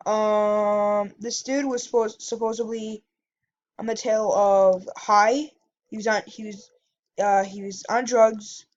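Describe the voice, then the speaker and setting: A woman vlogger spins a casual story, rambling along with plenty of fillers and quick self-corrections. Her voice sits at an ordinary middle pitch. The sound is muffled and lo-fi. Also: level tone.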